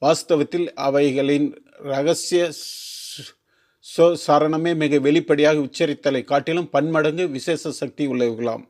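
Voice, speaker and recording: A man reading a formal religious text aloud, slow and careful, sometimes restarting long words. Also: fairly high pitch, fairly even intonation, a little mellow. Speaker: teacher.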